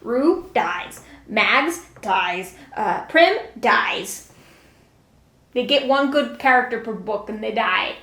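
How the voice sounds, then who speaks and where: A woman's voice: a little high, expressive, a bit bright. Frank, opinionated woman co-host in echo. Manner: frank, opinionated, quick to agree. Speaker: podcast co-host. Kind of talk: casual chat. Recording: roomy echo.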